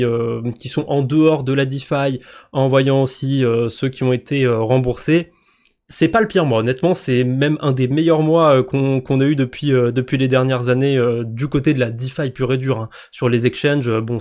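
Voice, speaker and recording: A man's voice: medium pitch, darkish tone. A man with a French accent hosting a crypto news roundup, talking casually and hesitantly with lots of fillers and restarts.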